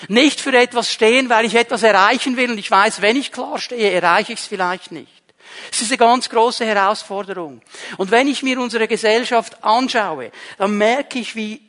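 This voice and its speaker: A man's voice: sits high, a bit bright, in a large hall. A man with a Swiss German accent, preaching a sermon as pastor, emphatic and repeating key phrases. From Switzerland.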